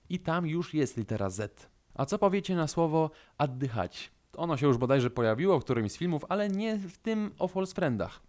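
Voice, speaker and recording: Calm Polish man teaching a lesson. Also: a little high. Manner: calm and methodical, stretches key words slowly for emphasis. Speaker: language teacher. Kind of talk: explanatory language lesson.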